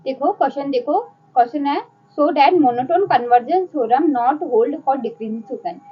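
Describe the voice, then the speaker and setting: A woman's voice: high voice, slow, breathy edge, highs cut off. A woman with a Hindi accent teaching a math lecture step by step, asking and answering her own questions.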